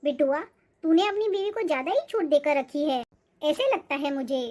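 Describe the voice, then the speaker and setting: Strict bossy mother-in-law, sharp scolding, very high voice, cartoon. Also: lively intonation, moderate pace. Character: strict controlling middle-aged mother-in-law. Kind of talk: cartoon voice acting.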